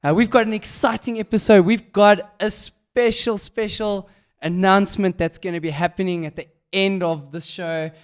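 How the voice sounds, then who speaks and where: A man with a South African accent and a croaky, rough voice, hosting a casual chat show. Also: sits high, steady tone, moderate pace, few pauses. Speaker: radio show host.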